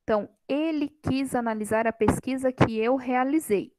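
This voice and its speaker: A woman's voice: high voice, moderate pace, darkish tone, no room sound, rough recording. A woman teacher giving a grammar lesson in a classroom on a microphone, quizzing her students and teasing them lightly. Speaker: Portuguese teacher.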